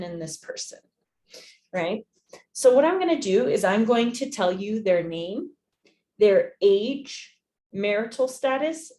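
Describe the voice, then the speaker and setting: A woman's voice: medium pitch, mellow. A young woman teaching a beginner English lesson online, patient and repetitive, often checking with "right?". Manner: slow, patient, repeats phrases and checks with "right?". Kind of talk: distance-learning lesson.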